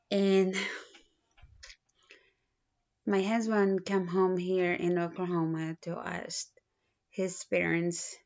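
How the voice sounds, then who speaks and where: A woman in her thirties from the Philippines, speaking with a Filipino accent, introducing herself in a halting way with many pauses and restarts. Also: fairly low pitch, vocal fry, a little mellow. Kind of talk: self-introduction video. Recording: dull lo-fi recording.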